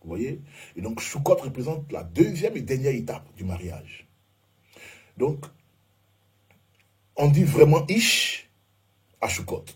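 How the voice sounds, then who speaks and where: A man's voice: medium pitch, sing-song, measured pace, darkish tone, slightly rough. A man giving an informal Bible and Hebrew lesson over slides, who often hesitates and keeps checking in with his listeners. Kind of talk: informal teaching talk with slides.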